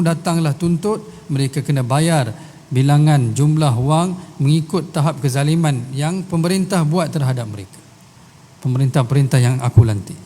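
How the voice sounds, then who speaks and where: A Malaysian Malay man teaching in a mosque, his voice somewhat high and mellow. He recites Arabic lines and tells stories, stopping to put questions to the room. The long hall reverb trails after every phrase. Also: slight background noise. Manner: storytelling, quotes Arabic verses and asks rhetorical questions. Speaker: religious teacher. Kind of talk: mosque lecture.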